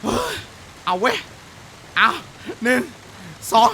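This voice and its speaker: Young man, high voice, bright tone, horror game commentary, jumpy, swears, shrieks at scares. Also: wildly swooping pitch, slow, a little hiss or hum. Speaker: gaming streamer.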